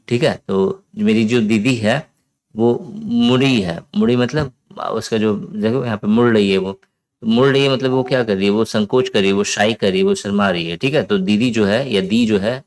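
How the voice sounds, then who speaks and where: A man with an Indian accent teaching vocabulary with memory tricks, in a casual, chatty way that often checks the listener follows. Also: mid-range voice. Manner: casual, chatty explaining with frequent "theek hai?" checks.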